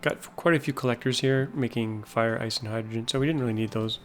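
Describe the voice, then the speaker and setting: In this casual let's-play, a man hosting a gameplay video chats to himself about his production lines in a factory-building game and notes that he's losing his voice. He speaks quickly in a steady, mid-range tone.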